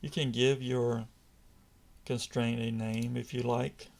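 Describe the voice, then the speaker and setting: This voice-over on a screen recording comes from a man at a computer indoors, his mid-range voice rough and gravelly. Slow and flat with a dark tone, he walks through the software step by step with patience and reassurance.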